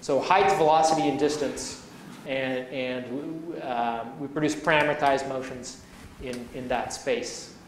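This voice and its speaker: A man giving a university lecture, halting and restarting often with many fillers as he explains his work. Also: mid-range voice, fairly even intonation. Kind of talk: academic lecture. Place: lecture hall. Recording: echoey hall, from far off, faint noise.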